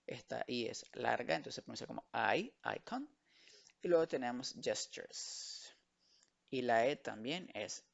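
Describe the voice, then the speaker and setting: A man's voice: mid-range voice, creaky, fairly bright tone, lo-fi sound. A man teaching English vocabulary to children in an online lesson, switching between Spanish and English and patiently repeating each word. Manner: slow, drilled repetition of words.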